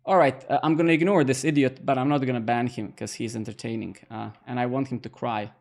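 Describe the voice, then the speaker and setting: Gravelly, mocking man streaming live. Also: mid-range voice, steady tone, quick pace, darkish tone. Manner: mocking, taunting chat viewers with frequent laughter and swearing. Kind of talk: casual live-stream chat.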